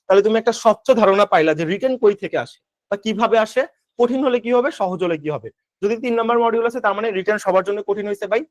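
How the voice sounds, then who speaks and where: A young man with a Bangladeshi Bengali accent teaching an exam-prep lesson, firing quick rhetorical questions at his students. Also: high-pitched, no echo. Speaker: admission test tutor.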